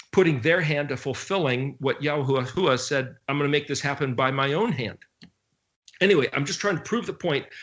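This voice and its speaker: Animated man teaching Bible study. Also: highs cut off. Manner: animated, with sarcastic asides and sudden jumps in pitch; spells out Hebrew letters slowly and deliberately. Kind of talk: informal Bible study talk.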